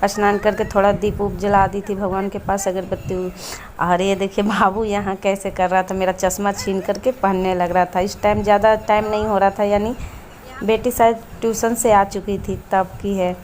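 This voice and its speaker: A woman chatting in a casual home vlog, often pausing to search for the right word. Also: medium pitch, flat delivery, darkish tone, slight background noise. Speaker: home vlogger. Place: home in an Indian village.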